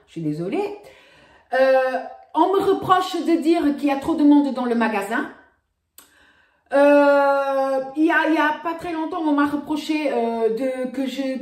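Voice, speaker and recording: A woman's voice: a little high, a little mellow. A woman, ranting indignantly to her viewers in a casual vlog, often repeating "voilà". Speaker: vlogger. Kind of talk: casual rant to camera. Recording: roomy echo.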